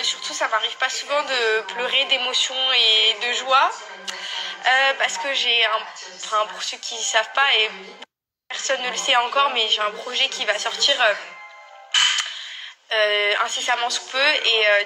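A woman's voice: a little high, steady tone, a little slow, over music. A young woman vlogging casually to camera, gushing and chatty.

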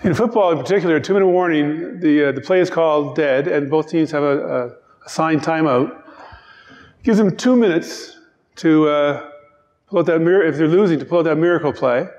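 A middle-aged minister with a Newfoundland accent delivers an informal children's-time sermon from the pulpit of a large church sanctuary. His voice is a little high and a little mellow, and he keeps things chatty and joking with quick asides.

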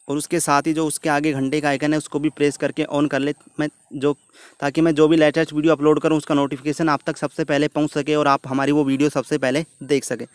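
A man's voice: a little high, clear, resonant tone, no room sound. A man hosting a YouTube channel, walking viewers step by step through a phone screen recording and addressing them often as friends. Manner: step-by-step, repeats "दोस्तों" often. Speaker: YouTube tutorial host.

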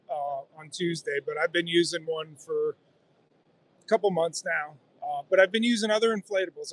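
A man in his forties explaining kayak gear with enthusiasm, interviewed on a phone in a busy convention hall. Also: sits high. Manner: enthusiastic, explanatory, gestures while talking. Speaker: guest kayak angler. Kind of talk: casual trade-show interview. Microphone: handheld phone held by interviewer.

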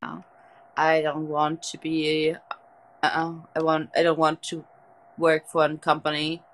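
A young German woman with a deep voice and a German accent lies relaxed in bed at night, chatting casually with viewers on a late-night livestream. She speaks at a measured pace into a phone held close, and the recording is rough.

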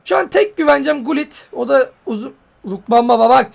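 A man giving casual, joking commentary on a football game he is playing, yelling at his players. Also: extremely high pitch, fairly quick, gravelly. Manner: excitable, joking, swears and yells at players. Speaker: mobile football gamer.

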